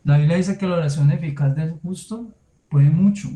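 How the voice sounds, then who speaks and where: In a church hall, a man preaches a sermon directly to his listeners in a conversational tone, at normal speed. His voice is a little high yet mellow and soft, with clear echo from the room. He tells lively personal anecdotes peppered with sound words.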